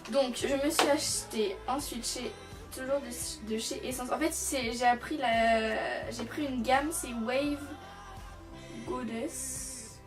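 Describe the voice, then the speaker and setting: A young beauty vlogger with a fairly high voice chats at a measured pace through a shopping haul, rambling with many fillers and restarts. She's recorded distant from the mic, with music playing behind her.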